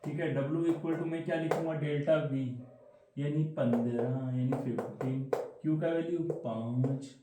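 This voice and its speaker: This man speaks at a measured pace in a fairly high, steady voice, teaching a casual exam-prep science lesson at a board in a room. The recording is very noisy and very echoey, and he keeps things chatty, repeating questions back to his students.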